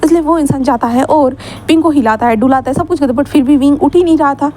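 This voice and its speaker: A woman tells a story in a loose, chatty way, slipping in English words. Her voice is high-pitched, with faint background noise. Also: fast talker, mellow. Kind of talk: casual story narration.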